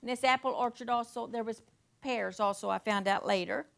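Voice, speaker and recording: A woman's voice: fairly high pitch, fairly quick, creaky, a bit bright. An older woman from Indiana giving an informal local history talk to an audience, reading from notes with folksy asides and fillers.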